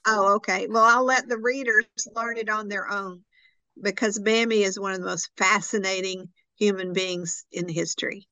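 A woman's voice: mid-range voice, fairly even intonation, normal speed, pushed and bright, dry recording, rough recording. A woman with an Arkansas Southern accent, telling stories conversationally and emphatically as an author being interviewed. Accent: Arkansas Southern American. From Arkansas, United States. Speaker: author interviewed about a book.

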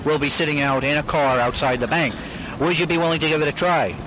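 A man earnestly pitching a fake film role to a stranger on a city street, heard on an old archival radio recording. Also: fast, pushed and bright. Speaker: radio prankster posing as a filmmaker. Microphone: handheld microphone. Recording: noisy early 1960s street recording. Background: street traffic.

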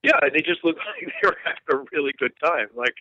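A somewhat high male voice with huge pitch swings, pushed and bright, comes across a little fast with no room sound. The speaker, a U.S. war journalist in his fifties, tells his story in an interview frankly and earnestly, often restarting his sentences, over a dry, tinny phone line.

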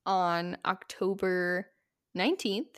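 A woman's voice: on the low side, takes it slowly, a bit bright. A woman in her twenties hosting a podcast, chatting casually and laughing often. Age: 20s. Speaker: podcast host. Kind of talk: casual chat.

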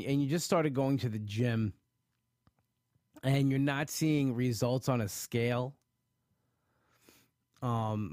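Allergies have clogged this man's nose as he casually chats with livestream viewers, reading their comments and talking about his weight loss. He rambles, restarts often, and keeps saying "you know." His voice is medium-pitched and a little mellow, in clean studio sound with no room tone.

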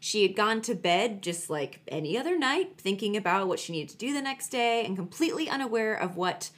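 A woman with a medium-pitched voice co-hosts a true crime podcast. She tells stories conversationally and stresses her points by repeating words. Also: very animated, brisk. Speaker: podcast co-host. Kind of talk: chatty true crime storytelling.

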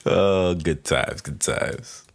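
A man's voice: sits low, slow, vocal fry. A man chatting casually as a podcast co-host in a slangy, frat-bro manner, dropping bros, dudes and swear words. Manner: bro-ish slangy talk full of "bro", "dude" and swearing.

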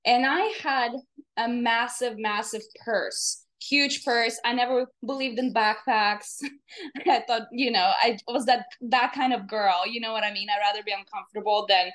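A woman's voice: on the high side, steady tone, normal speed, a bit bright. A young woman with a Russian accent, telling a personal story in a chatty, detailed, conversational way as a podcast guest. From from Russia or nearby Europe, moved to the United States.

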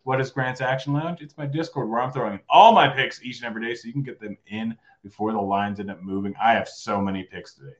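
A man's voice: medium pitch, lo-fi sound. A man hosting a live sports betting show, chatting casually and running through his picks. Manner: casual, joking, quick rundown of picks. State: voice going hoarse.

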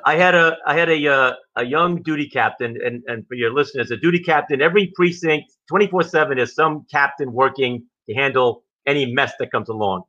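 A man, a retired police lieutenant, telling wry, measured stories in a casual podcast chat. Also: medium pitch, pushed and bright. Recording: dull lo-fi sound.

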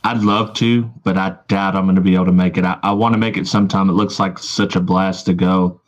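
A man appearing as a guest on a live podcast, answering in a quick, offhand way. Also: low-pitched, fairly even intonation. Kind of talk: casual podcast chat. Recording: dull lo-fi remote audio.

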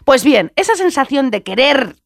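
A woman's voice: high-pitched, big pitch swings, normal speed, gravelly, no echo, studio quality. A young woman co-hosting a casual podcast chat, rambling and playful, tripping over words and repeating herself. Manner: rambling, playful, giggly, tongue-tied repetitions. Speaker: podcast co-host.

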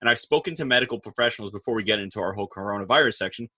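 A man with a bright, husky voice hosts a political talk show. He talks in an animated, casual way and slips into quoted voices when he retells arguments. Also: fairly low pitch, very fast. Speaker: show host.

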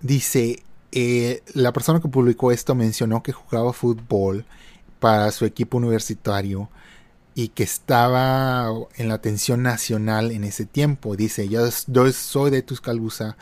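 A man hosts a podcast, reading online posts aloud and then chatting about them. His voice sits at a mid pitch, and his talk is loose and conversational, full of small hesitations. The recording is close and dry, with no room sound. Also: fairly even intonation, unhurried, darkish tone, no echo. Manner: conversational, hesitant fillers while commenting. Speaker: podcast host.

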